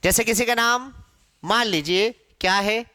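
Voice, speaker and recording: An Indian man teaches Hindi in a classroom lecture, posing questions and answering them himself as he drills pronunciation aloud. His voice is high and sharp, and his pace a little slow.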